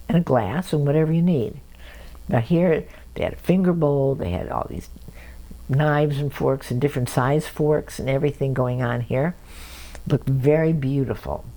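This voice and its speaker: A woman's voice: rumbling low, vocal fry, low-quality recording. An older woman from Cleveland, telling family stories in an oral history interview and chuckling often. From Cleveland, Ohio, USA. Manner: lively anecdotal storyteller, chuckling often. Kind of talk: storytelling in an interview.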